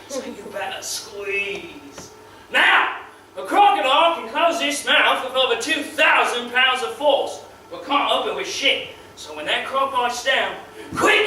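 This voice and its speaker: An actor playing a crude, cocky crocodile wrestler who loses his arm and grieves, talking in a foul-mouthed way that swings from swagger to shouted despair. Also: sits high, slight background noise, heavily acted. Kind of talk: dramatic monologue. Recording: very echoey room, mic far off, faint ambience.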